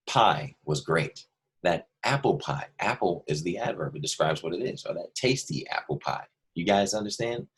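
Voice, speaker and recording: Deep, with a breathy edge, this man's voice guides second graders through a worksheet in a remote lesson. He is patient, explains each step, and repeats the important points.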